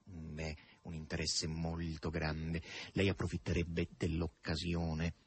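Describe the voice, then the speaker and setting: A man voicing a gruff, sardonic male demon henchman in an audiobook reading, curt, impatient and mocking. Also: mid-range voice, very animated, fairly quick, faint music behind, pitched above the performer's own voice. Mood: sly.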